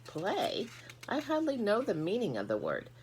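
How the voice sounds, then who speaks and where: A woman's voice: medium pitch, wildly swooping pitch, normal speed, a little mellow, a little hiss or hum, pitched above the performer's own voice. A woman voicing a sour, selfish, gluttonous male rat in a storybook, with a disdainful manner. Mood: scornful. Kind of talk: storybook character voice.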